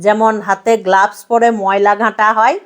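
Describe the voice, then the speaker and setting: A woman's voice: medium pitch, little pitch movement, normal speed. A woman giving a devotional sermon, stressing her points in repeated parallel phrases and asking her listeners rhetorical questions. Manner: repetitive emphatic preaching lists. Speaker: religious speaker.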